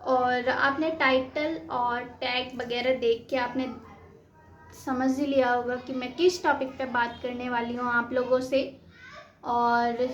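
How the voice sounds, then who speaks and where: Woman vlogger, Madhya Pradesh Hindi accent, casual and chatty; roomy echo on the track. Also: sits high. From Madhya Pradesh, India. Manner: chatty, repeats "theek hai" and "yaar". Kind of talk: casual opinion vlog. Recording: slightly dull, roomy, faint hiss.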